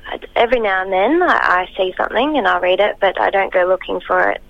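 A woman speaks over the phone as a guest singer, pausing often with ums and starting sentences over. The phone line sounds dull and muffled. It is also dry, with no room around her voice. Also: mid-range voice, lively intonation, no echo. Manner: hesitant, many ums and restarts. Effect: heard over the phone. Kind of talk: casual phone interview.

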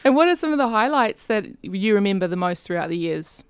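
A woman's voice: mid-range voice, expressive, fairly quick, clear, resonant tone, no echo. A woman hosting a casual studio interview, putting questions to her guest in a conversational way. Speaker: radio show host, interviewer.

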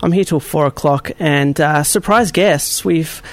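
A man's voice: on the high side, a little slow. Chatty radio host, man. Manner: friendly, chatty, laughs easily. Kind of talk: casual radio chat. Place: radio studio.

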